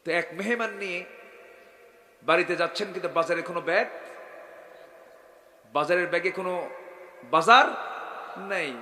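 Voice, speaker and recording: A man preaching a sermon, telling stories dramatically with sudden loud bursts and quizzing the crowd. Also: sits high, normal speed, long pauses. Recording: echoey hall with long reverb.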